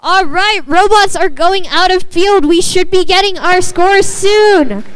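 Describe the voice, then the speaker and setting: A woman's voice: very high voice, measured pace. A woman emceeing a robotics tournament live in a school gym, announcing results in an upbeat, playful way. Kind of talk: live event commentary.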